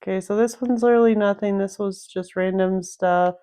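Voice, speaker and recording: A woman casually narrates her way through a video game, explaining each step and thinking aloud as she plays. Her mellow, medium-pitched voice is fairly even in intonation and a little quick.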